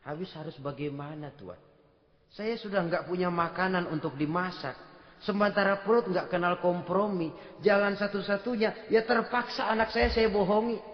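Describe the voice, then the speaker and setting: A man's voice: high-pitched, normal speed, close to an everyday voice. A man voicing a poor, desperate mother who speaks in a plaintive, complaining way. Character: poor, desperate mother, middle-aged woman. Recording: echoey hall, dull lo-fi archive.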